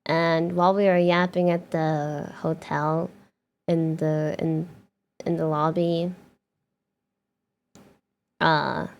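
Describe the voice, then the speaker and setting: A young woman streams and chats loosely with her viewers, rambling through fillers and restarts with bubbly flashes of excitement. Her voice is low and creaky, and she speaks slowly with long pauses.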